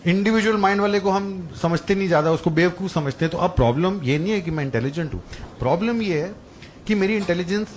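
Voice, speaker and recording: A man's voice: high voice, quick pace. A young man performing a stand-up comedy set on a club stage, telling stories in a chatty, crude style. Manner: conversational storytelling, crude punchlines. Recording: loud crowd laughter and room noise. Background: audience laughing.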